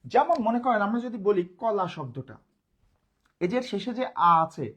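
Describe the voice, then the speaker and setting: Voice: medium pitch, big pitch swings, normal speed, fairly bright tone, breathy edge. A grammar teacher, giving a live online lesson, who often asks the class a question and answers it, repeating key points.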